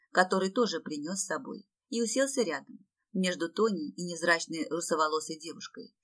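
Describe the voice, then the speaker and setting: A woman reading an audiobook aloud in steady, even scripted narration. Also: fairly low pitch.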